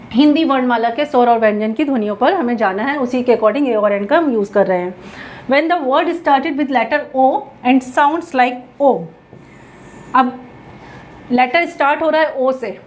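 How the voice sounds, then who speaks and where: High-voiced woman teaching grammar. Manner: asks the class questions and answers them herself. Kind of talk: classroom lesson in Hindi mixed with English.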